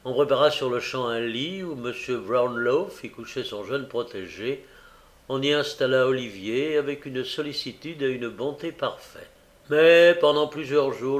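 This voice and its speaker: A male narrator reading a classic novel aloud at a measured pace. His delivery is expressive, with a middle-pitched voice and the odd slip. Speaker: audiobook narrator. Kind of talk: literary audiobook narration.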